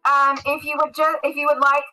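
A woman's voice: sits high, monotone, brisk, over music, poor audio. A woman narrating a tabletop game as game master, casual, with lots of fillers. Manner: casual, many fillers and restarts.

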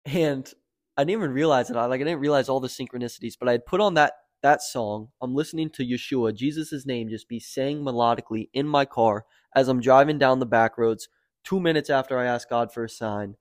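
Young American man, podcast guest, casual storyteller; dry close mic, gets animated and loud at the peaks. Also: fairly quick, dry recording. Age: young adult. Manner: animated, rising to near-shouting at high points, lots of "like" and "dude".

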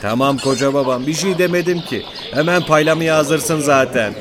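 An actor playing a cheeky young village lad in a radio play, teasing in folksy rural speech. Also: male voice, on the high side, moderate pace, a crowd in the background, lightly acted. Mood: sulky. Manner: teasing, impudent.

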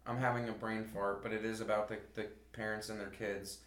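A man's voice: on the low side, a little fast, echoey room. A man co-hosting a podcast, telling stories in casual, profane chat and acting out quoted people. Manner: profane, animated storytelling with quoted voices. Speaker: podcast co-host.

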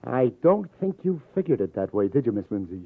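Husky and sing-song, a brisk mid-range male voice with no room sound plays a hard-boiled, wry New police detective in a 1950s radio crime drama. He's sardonic and accusing in clipped tough-guy style, and the old broadcast sounds tinny with faint music.

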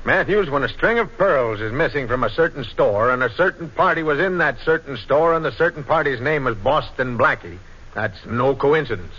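An actor playing a shrewd, suspicious police inspector in a 1940s radio crime drama, pointed and deliberate. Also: male voice, mid-range voice, expressive, close to an everyday voice. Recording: muffled vintage 1940s radio broadcast.

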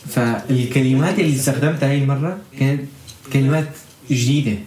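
A man's voice: mid-range voice, quick pace, darkish tone. A man in a casual chat, talking in long stretches with restarts. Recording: echoey room.

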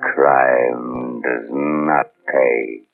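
An actor playing a sinister, mocking avenger in old radio drama, with an ominous, drawn-out delivery. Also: male voice, a bass voice, fairly even intonation, gravelly, heavily acted. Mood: ominous, menacing. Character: sinister, menacing male crime-fighting avenger, mocking and ominous. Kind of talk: 1930s radio drama acting. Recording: tinny vintage radio, music behind.

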